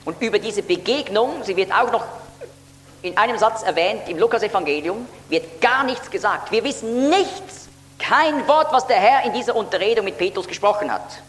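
A man's voice: high-pitched, animated, normal speed, fairly bright tone. A man giving an earnest, explanatory Bible teaching sermon, lifting his voice to stress key words. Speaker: preacher. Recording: echoey hall with faint hum.

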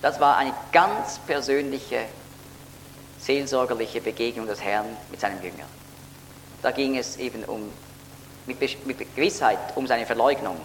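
A man giving an earnest, explanatory Bible teaching sermon, lifting his voice to stress key words. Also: medium pitch. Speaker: preacher. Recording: echoey hall with faint hum.

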